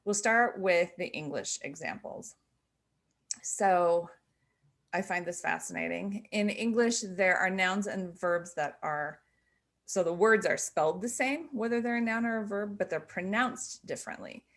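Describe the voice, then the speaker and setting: A woman teaches in a slow, measured way, speaking in a fairly low voice. She explains patiently and sometimes stops to correct herself. She sounds middle-aged and talks in an instructional style. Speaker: sign language teacher.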